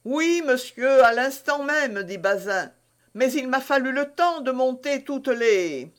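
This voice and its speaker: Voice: high-pitched, animated, slow pace, a bit bright, pitched above the performer's own voice, full character voice. A reader voicing a timid, pious manservant who hurries to answer his master. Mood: flustered. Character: pious, timid male manservant, former beadle. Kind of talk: audiobook character reading.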